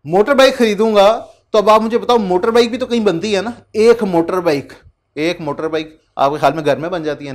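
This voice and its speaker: A man in his thirties from Pakistan, giving an accountancy lecture in a conversational way, reading English passages slowly and asking the class rhetorical questions. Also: fairly high pitch.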